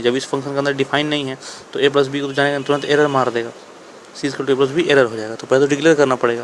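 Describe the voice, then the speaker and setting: A man's voice: mid-range voice, slight background noise. A man teaching programming in a casual, conversational way, often asking and answering his own questions. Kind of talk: casual explanatory lecture.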